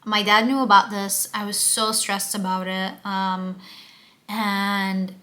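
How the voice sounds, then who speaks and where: A young woman vlogs to camera in a casual, confessional way, candid and emotional, leaning heavily on "um" and "like." Her medium-pitched voice is slow and sharp-toned, with little pitch movement.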